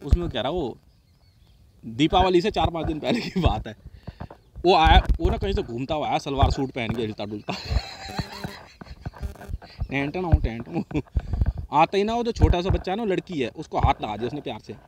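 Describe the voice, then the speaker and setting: A man's voice: a little high, wildly swooping pitch, moderate pace, long pauses, background noise. A man telling a crude neighbourhood story in casual profane chat, often breaking into laughter. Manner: laughs often, heavy swearing, quotes neighbours.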